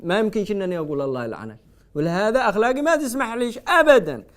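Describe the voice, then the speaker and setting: A Yemeni-accented male comedy host with a high, clear voice. He talks fast and mocks his targets in a sarcastic tone. His volume swings from loud outbursts to hushed asides. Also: expressive. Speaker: satirical show host. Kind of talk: satirical comedy monologue.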